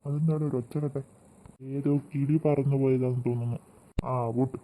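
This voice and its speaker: A man voicing cartoon robbers, a gang boss and his henchman, who talk in a flat, low-key scheming way. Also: a little fast, background noise, close to an everyday voice.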